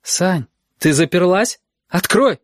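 Frightened, furious mother, shouting high, voiced by a male reader. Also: expressive, slow, no room sound, studio quality, full character voice. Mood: angry. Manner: shouting, demanding. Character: worried, angry middle-aged mother.

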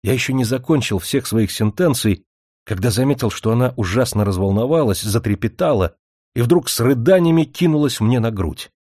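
A man's voice: mid-range voice, expressive, brisk, darkish tone, no room sound. Wry male audiobook narrator, dry sound. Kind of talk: first-person audiobook narration.

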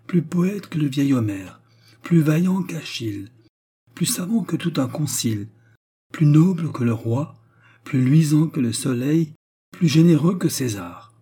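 A man's voice: fairly high pitch, dark tone, slightly rough, voice pushed up. A man voicing fawning courtiers who heap extravagant praise on their lord. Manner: gushing, lofty praise. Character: fawning male courtiers and flatterers.

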